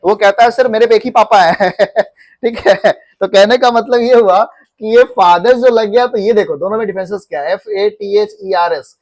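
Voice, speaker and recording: A man's high, slightly mellow voice moves at a moderate pace as he teaches English with an Indian accent. He has students repeat after him, asks questions, and mixes Hindi phrases into his English.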